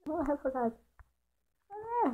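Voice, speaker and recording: A woman's voice: high voice, sing-song, slow, warm tone. A woman chatting casually through Minecraft gameplay, talking to the animals and to her viewers as she plays. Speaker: gaming channel host. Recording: tinny lo-fi mic with faint hiss.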